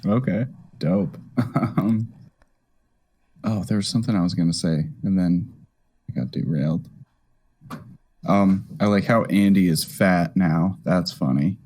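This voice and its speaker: A young man co-hosting a podcast in casual chat, hesitant and quick to laugh, often restarting his sentences. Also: sits low, dark tone. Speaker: podcast co-host.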